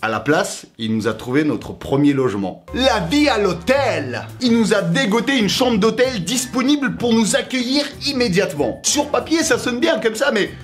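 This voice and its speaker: Animated young man with a Russian accent. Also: sits high, normal speed, few pauses, faint music behind. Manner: joking, animated, slangy asides. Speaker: YouTuber. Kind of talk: personal storytelling vlog.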